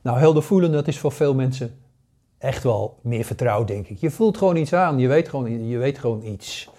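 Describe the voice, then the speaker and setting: A warm, mellow-voiced man in his sixties teaches a paranormal course in a casual spoken style, his speech peppered with fillers, restarts and hesitations. He has a medium pitch, sounds expressive and moves at a moderate pace.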